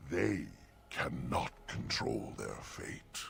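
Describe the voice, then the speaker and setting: A man voicing an ancient, gentle, solemn talking oak tree in a fantasy game, speaking archaic rhyming couplets. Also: a bass voice, big pitch swings, drawn-out words, creaky, a little hiss or hum, full character voice. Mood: apologetic, courteous.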